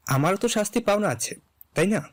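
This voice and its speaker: A caring young man, played by an actor, whose fairly high voice presses gently and does not back down. It sounds like an audio drama. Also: lively intonation, brisk. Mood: tender. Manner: coaxing, insistent, tender. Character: caring young man Redwan, insistent and tender. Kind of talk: Bengali audio drama acting.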